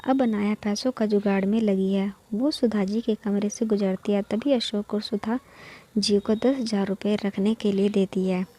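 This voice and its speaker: Flat, mellow woman storyteller. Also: mid-range voice, normal speed. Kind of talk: scripted moral story narration.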